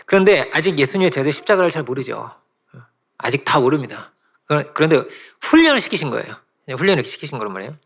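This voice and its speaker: A male pastor delivers a Sunday sermon in a church at a brisk, rushing pace. His voice sits a little high for a man and has a gravelly, fry-edged texture. He tells stories animatedly and acts out the quotes himself. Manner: animated storytelling with laughs and acted-out quotes. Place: church sanctuary.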